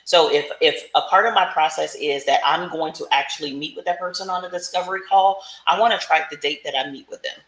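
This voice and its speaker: Speaking briskly with few pauses, this low-pitched woman has a slightly bright tone as she gives relaxed business-coaching instruction over a livestream. Her talk is chatty and dotted with check-ins such as "right?", all in an echoey, roomy space.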